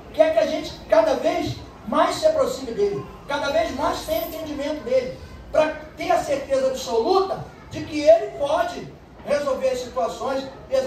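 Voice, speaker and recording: A woman preacher, delivering an animated sermon full of storytelling and bursts of shouting. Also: sits high. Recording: echoey distant room sound with faint noise.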